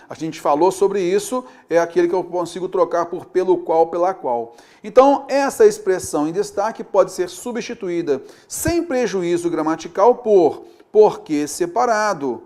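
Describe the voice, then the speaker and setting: Male teacher with a high, lively voice, talks through exercises and checks in often. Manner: chatty teacher with frequent checks like "tá ok?" and "beleza?". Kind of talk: recorded grammar lesson.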